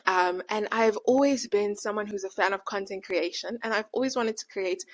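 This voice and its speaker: A woman in her late twenties who says w for r, speaking as a podcast host in casual, animated personal reflection with slangy retold dialogue. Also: medium pitch, normal speed. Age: late 20s. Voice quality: can't pronounce R, says w for r.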